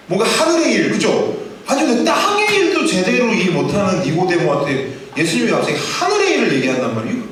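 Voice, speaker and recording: A man's voice: sits high, huge pitch swings, quick pace, a bit bright, slight background noise. Male pastor, sermon, conversational, rhetorical questions, distant mic, very echoey church. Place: church sanctuary. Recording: echoey church hall from far off.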